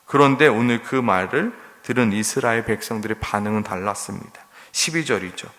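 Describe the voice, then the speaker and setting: A man preaching a sermon, earnest, moving from loud pleading to hushed near-whispers. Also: fairly low pitch, a little fast. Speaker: pastor. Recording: long hall reverb.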